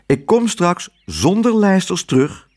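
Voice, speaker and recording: A man voicing a resourceful cook in a storybook reading, talking briskly and reassuringly. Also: high-pitched, very animated, darkish tone, voice pushed up.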